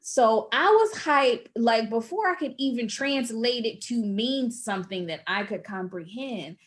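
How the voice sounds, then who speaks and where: A woman chatting casually about learning a language abroad, telling stories in a lively way and acting out the voices of the people she quotes. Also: a little high, measured pace. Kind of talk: casual chat. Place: abroad, in Portugal.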